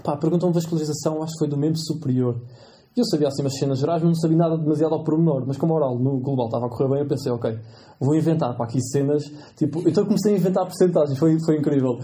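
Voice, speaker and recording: Fast-talking young Portuguese man telling stories. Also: a little high. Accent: European Portuguese. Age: 20s. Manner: lively anecdotal storytelling, slangy. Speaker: guest, final-year medical student. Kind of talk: casual podcast interview.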